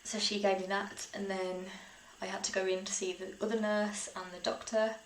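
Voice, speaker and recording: A young British woman with a medium pitch and flat delivery speaks at a moderate pace, sharing personal stories to camera like a vlogger. Her tone is chatty and informal, broken by small laughs. The room echoes, and faint background noise can be heard.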